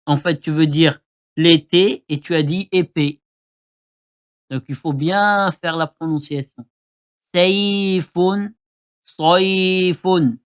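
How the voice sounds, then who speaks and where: Male teacher, very slow, drawn-out words, repeats each word, dull lo-fi sound. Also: a little high. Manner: repeats words slowly for learners to copy. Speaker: Arabic teacher. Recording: dull lo-fi recording.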